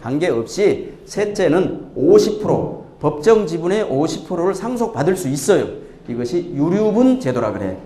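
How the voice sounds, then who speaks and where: A middle-aged man giving a lively lecture on inheritance law, full of jokes, rhetorical questions and acted-out voices. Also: fairly high pitch, moderate pace, roomy sound. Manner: animated storyteller, acts out voices, rhetorical questions. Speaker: tax accountant lecturer. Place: lecture hall with audience.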